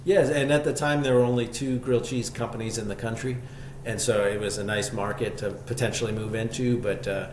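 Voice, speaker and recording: Recorded in an echoey room with faint background noise, a shop co-founder guesting on a podcast recounts his story in a reflective, enthusiastic, conversational way. He talks a little fast, with a fairly low pitch and fairly even intonation.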